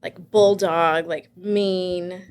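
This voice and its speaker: A woman co-hosting a podcast, speaking in a halting way full of fillers during a casual chat. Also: fairly low pitch, fairly even intonation, clean tone. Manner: halting, filler-heavy speech.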